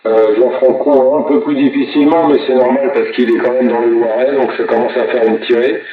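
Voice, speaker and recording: A man's voice: medium pitch, fairly even intonation, brisk, narrow, tinny audio, over a noisy crowd. Man on a distant, roomy CB radio. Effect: heard over a CB radio link. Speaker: CB radio operator. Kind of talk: casual radio chat passing turns.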